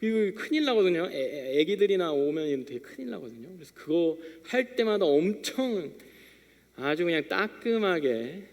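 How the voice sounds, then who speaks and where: Man, young adult, youth pastor, conversational sermon, acts out dialogues, high voice, long church-hall reverb. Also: big pitch swings, moderate pace, a little mellow. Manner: conversational storytelling preacher, acting out little dialogues. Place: church sanctuary.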